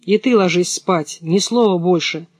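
A man's voice: high-pitched, unhurried, dry recording, clean studio sound. A man reading the part of a bold, bossy young robber girl in a brusque, commanding way.

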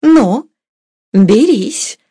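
A woman voicing a proud, playful young merchant's wife who teases in bright, raised exclamations. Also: on the high side, very animated, measured pace, vocal fry, pitched above the performer's own voice, full character voice.

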